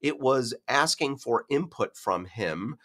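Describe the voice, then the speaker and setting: A man's voice: mid-range voice, lively intonation, slow, bright, forceful tone. A man co-hosting a podcast in casual chat, explaining his points in a reflective way. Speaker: podcast co-host.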